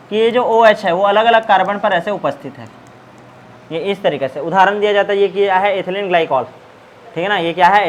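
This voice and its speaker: A man's voice: high-pitched, rough recording. A man teaching a chemistry class in a classroom, asking students questions and repeating the answers. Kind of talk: classroom lecture.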